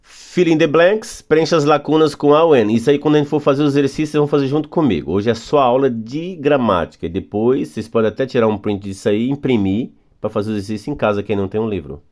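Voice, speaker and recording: A man with a Brazilian Portuguese accent, teaching a recorded English grammar lesson for beginners and patiently repeating words slowly. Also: mid-range voice, a little mellow.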